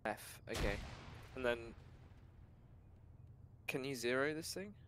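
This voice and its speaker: A man playing a team game with a gravelly voice, asking easygoing questions about the controls over a headset. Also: medium pitch, animated, takes it slowly, background noise. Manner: asks about the controls, laughs easily. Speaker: gamer. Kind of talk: gameplay voice chat.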